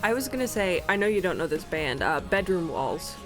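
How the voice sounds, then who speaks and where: A woman co-hosting a podcast, chatting about music in a relaxed, easygoing way. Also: fairly low pitch, a little fast. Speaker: podcast co-host. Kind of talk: casual chat about music.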